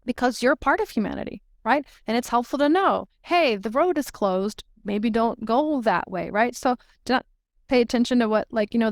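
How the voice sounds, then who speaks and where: A woman's voice: medium pitch, dry recording, clean studio sound. A woman channeling a spirit collective, giving emphatic spiritual guidance with frequent "right?" check-ins. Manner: emphatic, peppered with "right?" tags.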